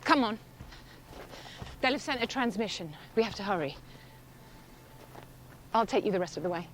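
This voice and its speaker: Brief: actress as a young woman guide, hushed and urgent, noise under the clip. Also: mid-range voice, animated, moderate pace, close to an everyday voice. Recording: show clip with noise behind.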